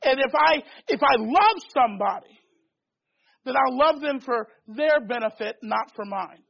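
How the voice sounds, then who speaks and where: A man with a very high voice preaches a sermon with fervent emphasis, his points climbing in urgent bursts. The recording is dull and lo-fi. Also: lively intonation, a little slow, gravelly.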